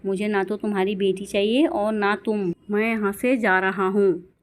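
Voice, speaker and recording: A woman's voice: mid-range voice, fairly even intonation, moderate pace, lightly acted. A woman voicing Kalu, a harsh male crow who is angry at his wife. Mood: dismissive. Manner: curt, dismissive.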